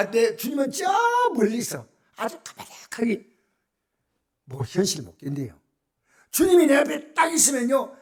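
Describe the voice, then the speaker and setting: Animated high-voiced Korean pastor preaching. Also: male voice. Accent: Gyeongsang Korean. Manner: animated, shifts from loud cries to near-whispers. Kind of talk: sermon. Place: church sanctuary.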